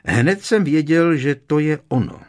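Eager teen wizard boy done by a man reading a storybook, voice jumps up high, lively. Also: lightly acted. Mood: earnest. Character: teenage boy wizard, defensive and earnest.

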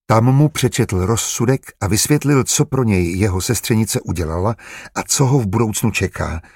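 Male audiobook narrator, low husky voice, dry close sound. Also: lively intonation, darkish tone, no echo. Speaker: audiobook reader. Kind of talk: scripted narration.

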